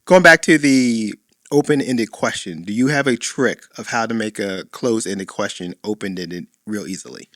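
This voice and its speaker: A man co-hosting a dating-coach podcast in casual chat, playful and animated, often acting out quoted lines. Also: on the low side, normal speed, no room sound, clean studio sound.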